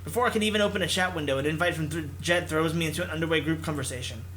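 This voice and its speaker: This playthrough host has a fairly high, bright, forceful voice and delivers his lines rapid-fire against slight background noise. While reading the visual novel's text and tossing in casual commentary, he stays theatrical and jokey and acts out character voices.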